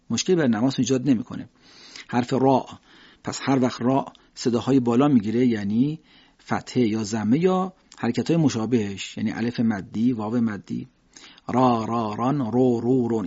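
Man, recitation teacher, husky voice, slow drawn-out examples, muffled lo-fi sound. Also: mid-range voice, darkish tone. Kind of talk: instructional explanation with recited examples. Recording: dull lo-fi recording.

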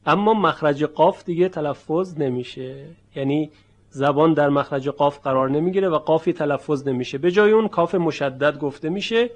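A man with a slightly raised pitch teaches a Quran recitation lesson. He explains each rule step by step, then stretches out the example words slowly and with emphasis so the sounds come through clearly. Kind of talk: tajweed lesson.

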